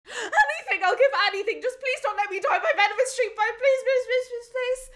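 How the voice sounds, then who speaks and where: A woman voicing a frightened king, begging in a high, frantic voice. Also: a little fast, fairly bright tone. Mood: panicked. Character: panicky male king, frightened and pleading.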